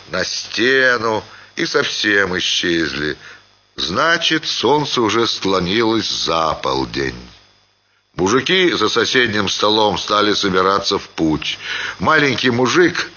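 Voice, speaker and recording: Slow expressive guy reading a classic story, bright tone, bit dull radio sound. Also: fairly low pitch. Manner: measured, expressive. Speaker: narrator. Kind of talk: theatrical literary reading.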